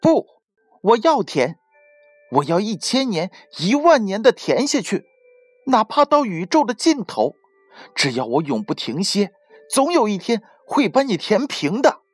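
A woman voicing a young girl's spirit reborn as a small bird, speaking high, fierce and determined in a storybook reading. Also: big pitch swings, a little slow, husky, no room sound, faint music behind.

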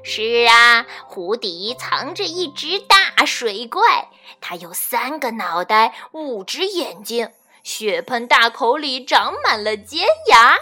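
A woman's voice: a little high, very animated, slow pace, bright, forceful tone, faint music behind, exaggerated voice. A woman voicing a grumpy, territorial otter who fishes, in a children's storybook reading, brusque and sly.

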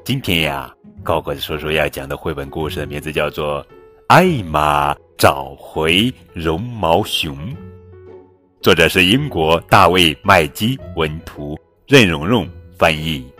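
A man reading a children's picture book aloud in a slow, expressive storytelling voice. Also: rumbling low. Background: soft background music.

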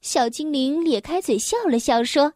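A woman reading a children's storybook aloud, slow and expressive. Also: high voice, no echo, clean studio sound.

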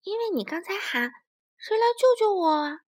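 A kind, gentle male sea reptile, voiced by a woman reading a storybook speaks in a soft, high voice. His tone is caring, and it rises and falls in a lilting, animated way. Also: measured pace.

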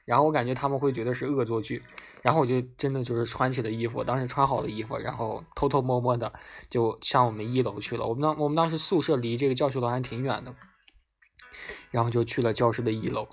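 A man telling a personal story in casual speech. He gets excited and repeats words for emphasis. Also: mid-range voice, fast.

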